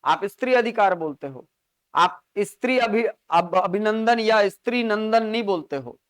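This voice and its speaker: Guy teaching grammar, high clear voice, keeps asking the class "got it?". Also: animated, normal speed, no room sound, studio quality. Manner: explains with examples and frequent rhetorical check-ins to the class. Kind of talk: live coaching class lecture.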